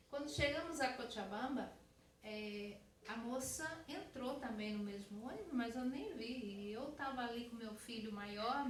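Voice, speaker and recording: High-voiced woman preaching in an echoey church. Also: slight background noise. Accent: Brazilian Portuguese. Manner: conversational, addresses congregation directly. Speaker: missionary preacher. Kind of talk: sermon testimony. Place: church hall. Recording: echoey church hall, distant mic.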